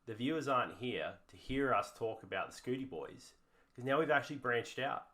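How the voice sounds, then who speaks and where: A man's voice: medium pitch, animated, fairly quick, fairly bright tone. A man co-hosting a comedic card review in a put-on broad Australian accent, hamming it up with slang. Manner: playful, hammy Aussie slang. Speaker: co-host.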